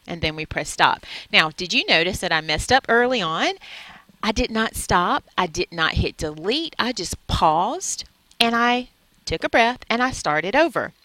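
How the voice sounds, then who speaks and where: A woman teacher giving a screen-recorded tutorial, explaining each step clearly into a headset microphone. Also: medium pitch, animated, measured pace, bright, forceful tone, no echo, low-quality recording. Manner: clear, step-by-step instructional delivery. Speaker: teacher demonstrating software. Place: at a computer, indoors. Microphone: USB headset microphone.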